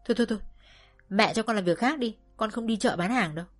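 A woman's voice: on the high side, quick pace, voice pushed up, natural voice. A woman voicing a stubborn schoolgirl who protests in a whiny, indignant way in a storybook reading. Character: stubborn sulky schoolgirl, elder sister.

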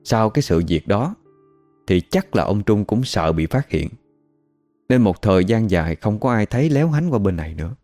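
A man's voice: lowish voice, sing-song, moderate pace, dark tone, soft background music. A man with a Southern Vietnamese accent narrating a village story in a chatty, gossipy way.

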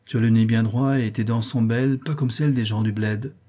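A man's voice: mid-range voice, steady tone, a little fast, warm tone, lightly acted. A man reading an audiobook, voicing a proud, curt widowed mother in a raised voice. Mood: proud, stern. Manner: curt and scolding. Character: stern widowed mother, sharp-tongued, proud.

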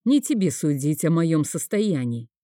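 A woman voicing a calm, scornful older high priest in an audiobook. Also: measured pace, no room sound, clean studio sound. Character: high priest, older man, cold and sarcastic.

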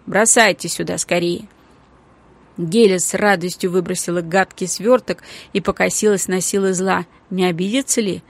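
A woman narrating a children's book audiobook in a calm, even storytelling manner. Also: lowish voice, moderate pace, hardly any pauses. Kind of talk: scripted narration.

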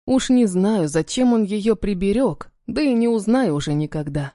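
A woman reading a novel aloud as narrator in an even, measured manner. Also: medium pitch, dry recording, studio quality. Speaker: audiobook narrator. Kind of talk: scripted narration.

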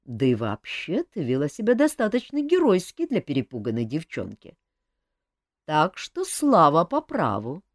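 A woman's voice: low voice, huge pitch swings, moderate pace, no echo, heavily acted. A woman reading an audiobook, voicing a wry, weary middle-aged king who speaks in a dry, understated, amused way. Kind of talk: audiobook character voice.

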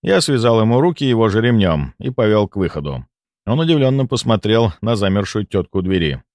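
A man narrating a first-person audiobook in a lively, expressive reading. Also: fairly low pitch, brisk, no room sound, clean studio sound.

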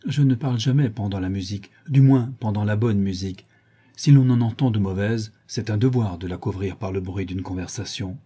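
An earnest young dandy, sincere and smitten, speaks in a slightly lifted tone, read by a man. His voice is dark and softly husky. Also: lowish voice, brisk.

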